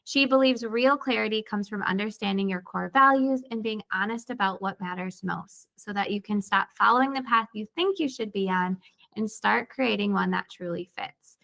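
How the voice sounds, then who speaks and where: A woman's voice: mid-range voice, moderate pace, vocal fry, pushed and bright. A woman hosting a podcast interview, upbeat and eager, laughing often. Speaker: podcast host.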